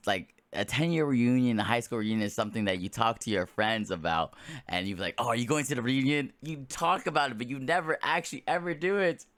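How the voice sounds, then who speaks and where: Deep-voiced man rambling on a solo podcast. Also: fairly bright tone, clear, resonant tone, dry recording. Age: late 20s. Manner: rambling, casual, many fillers and restarts. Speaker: podcast host.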